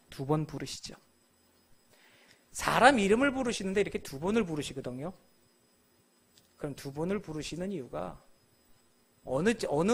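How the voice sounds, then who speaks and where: Animated preacher with a high, lively voice. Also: male voice. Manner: animated preaching, acting out biblical voices with sudden loud bursts. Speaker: pastor. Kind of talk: sermon. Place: church.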